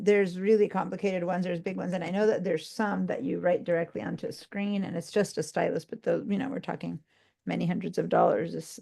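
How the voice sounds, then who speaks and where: A sleep-deprived woman teaching a live online design software class, talking in a loose, rambling way with many fillers and restarts. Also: fairly low pitch, creaky.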